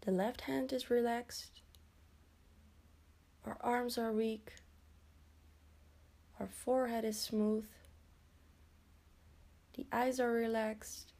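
Slow, soothing woman guiding relaxation. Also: fairly high pitch, steady tone, mellow. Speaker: relaxation guide. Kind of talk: guided progressive muscle relaxation.

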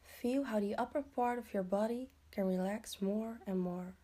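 A woman guiding a progressive muscle relaxation exercise in a slow, soothing, instructional way. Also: mid-range voice, warm tone. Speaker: relaxation guide.

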